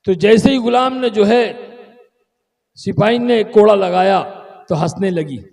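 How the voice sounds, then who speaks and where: A male preacher with a high voice tells a story in an animated sermon and prompts his listeners to respond. His voice carries a long, echoing reverb. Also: measured pace, creaky. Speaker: Islamic preacher.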